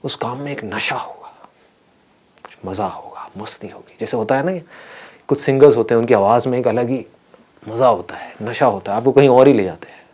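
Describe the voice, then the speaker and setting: A man's voice: medium pitch, brisk, a little mellow, breathy edge. A man giving an interactive motivational talk to a live audience in a hall, teasing and laughing with them. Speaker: motivational speaker.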